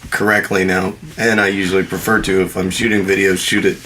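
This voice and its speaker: A man's voice: sits low, flat delivery, a little fast, pushed and bright, a little hiss or hum. A man co-hosting a podcast in casual chat, making dry, teasing asides. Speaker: podcast co-host.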